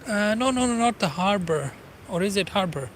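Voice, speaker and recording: Narrating his riverside walk outdoors, a vlogger in his forties chats in a rambling way, a non-native English speaker frequently groping for words. He has a high, animated voice at a moderate pace, with slight background noise.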